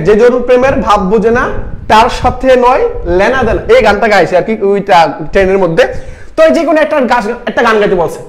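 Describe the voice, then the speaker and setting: A young-sounding man with a very high voice tutors students for an admission test, moving at a fast clip. He fires off questions, answers them himself, repeats the key point, and sings short song lines to drive things home. His manner is loose and casual, like a tutor among his own pupils.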